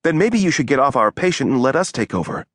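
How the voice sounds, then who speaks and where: A man voicing a sharp-tongued young woman doctor with a curt, cutting delivery. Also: mid-range voice, sing-song, fast talker, dry recording, studio quality, voice pushed up.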